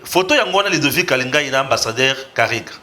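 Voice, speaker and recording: On his political commentary show, the host reads tweets aloud and reacts to them, moving between French and Lingala. His voice is bright and medium-pitched, expressive and fast.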